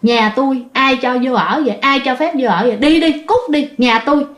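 A woman's voice: sits high, normal speed, close to an everyday voice. A woman voicing the ghost of a hostile little boy who angrily chases people out of his house. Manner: chasing off, scolding. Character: ghost of a small boy, five or six, territorial and hostile. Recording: roomy echo.

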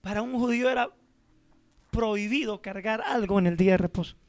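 A man's voice: sits high, a little fast. A male pastor preaching a sermon, pressing his listeners with rhetorical questions and calling them brother.

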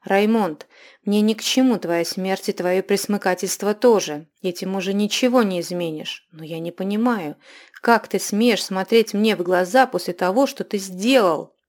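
A proud male ghost from an audiobook, icy and scornful, turning loud and sharp when angered, as a woman reader plays him. He commands rather than pleads. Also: medium pitch, normal speed, natural voice. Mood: furious. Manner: cold and scornful, raising the voice in anger. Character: proud, cold male ghost, a shape-shifter.

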